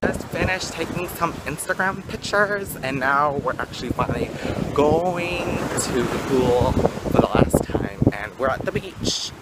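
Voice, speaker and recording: A man's voice: on the high side, lively intonation, a little slow, heavy background noise. A teenage boy vlogging casually on a trip, talking to the camera with dramatic slang and gushing reactions. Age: teens. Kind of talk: casual travel vlog. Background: loud music.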